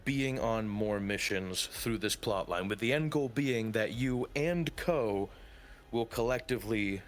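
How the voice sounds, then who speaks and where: A man organizing a roleplay, checking in with a player in a measured, friendly way. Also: on the low side, slight background noise. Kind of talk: out-of-character planning chat.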